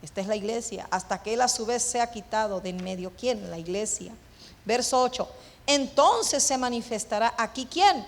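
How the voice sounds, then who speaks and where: A woman preaching a sermon, asking the congregation questions and answering them herself, dropping to low hushed phrases and then rising to emphatic ones. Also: expressive, normal speed, big-room sound.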